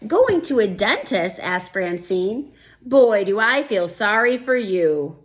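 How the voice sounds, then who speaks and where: Slow and medium-pitched, a woman's voice reads a children's picture book with gentle expression. She keeps stopping to explain her thinking aloud, much as a teacher modeling for a class.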